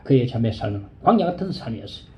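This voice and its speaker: Guy preaching, mellow and high, voice swinging way up and down as he tells the story. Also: very animated, fast talker. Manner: emotive preaching, swings from low storytelling to high pleading cries. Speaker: pastor. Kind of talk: sermon.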